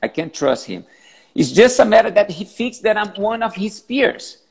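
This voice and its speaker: A man in his fifties, a big wave surfer, answering interview questions in halting, repetitive English, calling in from a gym. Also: sits high, sing-song, gravelly, breathy edge. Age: 50s. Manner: halting, repeats words, non-native phrasing.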